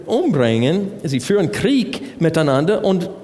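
A man whose voice is on the high side and darkish preaches in an unhurried, sing-song way, working through Bible verses and asking the congregation rhetorical questions. There is long hall reverb.

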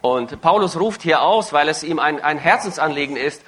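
A man with a bright, forceful voice, pitched a little high, interprets a sermon live. He follows the preacher phrase by phrase and echoes his emphasis, sometimes stumbling briefly and correcting himself. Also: lively intonation, moderate pace. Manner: follows phrase by phrase, occasional hesitations and self-corrections.

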